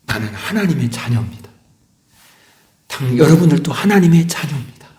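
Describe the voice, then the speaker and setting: A middle-aged male pastor preaching a sermon, swinging between loud emphasis and hushed whispers. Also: a little high, expressive, normal speed. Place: church sanctuary. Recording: echoey church hall.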